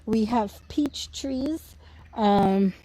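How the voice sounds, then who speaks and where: A woman with a slightly high voice walks through her vegetable garden outdoors, chatting to viewers over a phone. She talks in an unhurried way, explaining each step patiently and in plain terms. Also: mellow, slight background noise, rough recording. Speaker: home gardening vlogger. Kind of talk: casual live-streamed garden tour.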